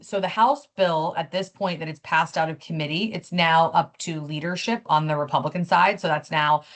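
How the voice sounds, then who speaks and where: A woman with a very low voice gives a policy update over a video call. She talks in a loose, conversational way, with frequent fillers and restarts. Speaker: policy speaker. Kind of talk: webinar update.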